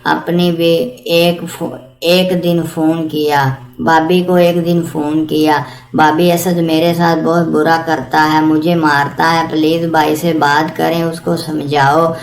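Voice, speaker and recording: A woman's voice: sits low, little pitch movement, echoey room. A woman reading the lines of a tearful, abused young wife in a storybook tale, in a pleading, sorrowful way.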